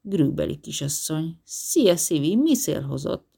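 A male doctor flirts and teases with easy cheek, as a narrator puts him on. His voice is creaky and gravelly. It is an audiobook reading. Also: a little high, big pitch swings, warm tone, full character voice. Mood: teasing. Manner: teasing, flirtatious.

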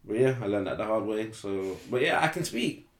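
A man's voice: fairly low pitch, lively intonation, a little fast, roomy sound. A young man, chatting casually as a podcast co-host, rambling and correcting himself, laughing easily. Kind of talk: casual chat.

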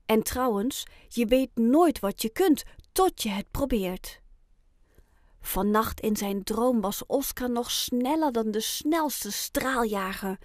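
A woman reading a children's storybook aloud, with gentle, lively storytelling and clear phrasing. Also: on the high side, takes it slowly, dry recording, studio quality. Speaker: audiobook reader.

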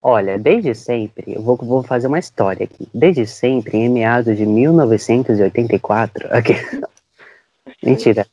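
A teenage boy co-hosting a podcast, telling lively stories in casual chat and acting out the voices of people in them. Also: medium pitch, normal speed, slightly rough, dry recording, highs cut off. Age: teens. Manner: animated storyteller, acts out voices. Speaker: podcast co-host.

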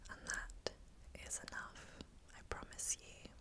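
A woman whispers breathily close to the mic, giving a soothing, encouraging ASMR pep talk full of affirmations, with pauses.

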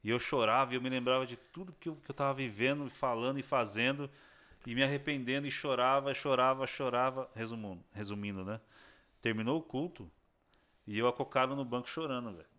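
Homem falante, contando história em ritmo rápido. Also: male voice, mid-range voice, brisk. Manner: animated, acts out voices of people in his story, slangy. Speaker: guest telling his conversion story. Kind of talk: casual storytelling chat.

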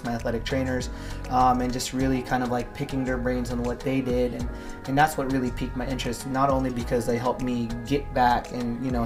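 A man in his thirties from Hawaii, a gym owner talking casually and reflectively as an interview guest, with many ums and likes. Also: mid-range voice. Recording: music bed under voice.

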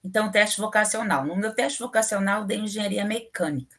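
A middle-aged woman from southern Brazil speaks a little fast in a mid-range voice, with a southern Brazilian Portuguese accent. She's a civil engineering professor appearing as a guest in a casual interview, chatty and opinionated, her speech packed with fillers.

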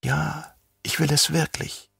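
A man voicing a sly, half-mad old doctor who turns traitor, speaking in a hushed, whispery, drawn-out voice. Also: a little high, little pitch movement, creaky, breathy edge, no echo, studio quality, voice pushed up, exaggerated voice. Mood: sly menace.

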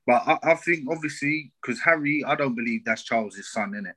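A man's voice: medium pitch, expressive, brisk, bright, forceful tone. A man with an urban London street accent, arguing his opinions in casual roadman slang with emphatic rhetorical questions, as a podcast co-host.

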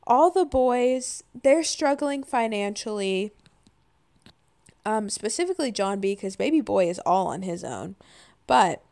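A woman in her twenties with creaky vocal fry, a little tired, chatting casually and informally as a podcast co-host. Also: fairly high pitch, a little mellow. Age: 20s. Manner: informal, frequent "like" as filler. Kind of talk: casual chat and commentary.

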